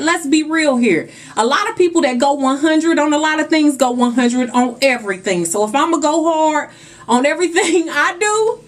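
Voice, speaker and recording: A young woman with a notably high voice talks straight to camera in an emphatic, preachy way. She urges her viewers on and calls them "guys" and "y'all". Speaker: vlogger. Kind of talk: motivational talk to camera.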